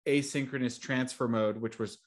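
A man hosting a podcast interview, talking quickly through technical jargon. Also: medium pitch, fairly even intonation. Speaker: podcast host.

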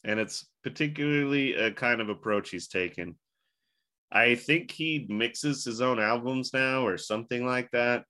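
A man's voice: medium pitch, unhurried, bright, forceful tone. A man hosting a podcast in a loose, rambling casual chat, with a bad case of the hiccups. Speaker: podcast host.

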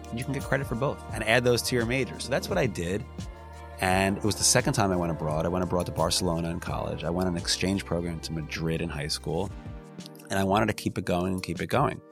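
An American lawyer from the United States speaks in a low, gravelly voice during a reflective, casual interview about his career. He talks earnestly, often restarting his sentences and dropping in "you know" asides.

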